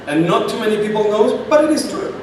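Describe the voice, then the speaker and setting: A man's voice: sits high, animated, fast talker, a little mellow. A man with a Chilean Spanish accent, speaking as a guest at a startup event, answering questions emphatically and repeating points for stress. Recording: echoey far-off room with noise.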